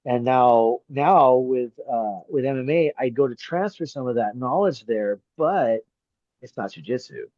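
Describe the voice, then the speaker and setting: A middle-aged man, a grappling referee and coach, chatting as a podcast guest; he tells stories with lively energy, swears freely, and acts out the people he quotes. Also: mid-range voice, a little slow, no echo. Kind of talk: casual chat. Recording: slightly muffled dry podcast audio.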